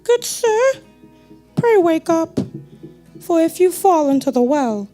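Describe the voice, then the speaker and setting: A woman's voice: very high voice, big pitch swings, slow, mellow, faint music behind, voice pushed up, full character voice. A woman voicing Dame Fortune, a stately female spirit of luck who speaks in lofty, old-fashioned address. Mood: courteous.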